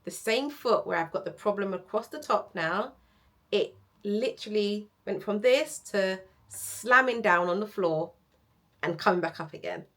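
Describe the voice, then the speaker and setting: A woman telling a story casually to viewers as a running vlogger, animated and candid, acting out what people said. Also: medium pitch, measured pace. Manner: animated, candid, acts out quoted speech.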